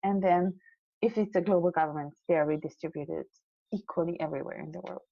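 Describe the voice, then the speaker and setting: A woman's voice: lowish voice, fairly even intonation, quick pace, vocal fry, no echo, muffled recording. A young woman from Serbia, a guest in a casual interview, talking earnestly and idealistically with many fillers and restarts. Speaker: guest, climate scientist.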